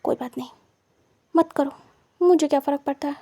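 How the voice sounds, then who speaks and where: Woman doing a teasing tormentor, quiet, slow, mocking. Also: high-pitched, creaky. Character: cruel teasing young man, smug tormentor.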